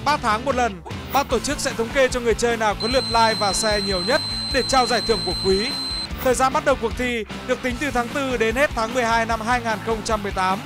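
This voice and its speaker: A man's voice: very high voice, fast talker. A man reading a scripted promotional announcement as a voice-over. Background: music.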